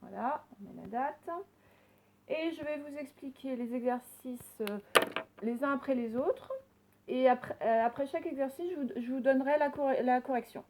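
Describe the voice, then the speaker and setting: A woman teacher recording a reading lesson for young children, slowly sounding out words and giving gentle instructions. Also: high-pitched, slight background noise, poor audio. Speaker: primary school teacher.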